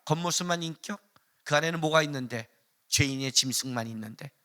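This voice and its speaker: A male pastor preaching a sermon, firing rhetorical questions at the congregation and swinging between loud, emphatic outbursts and hushed asides. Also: a little high, fairly quick.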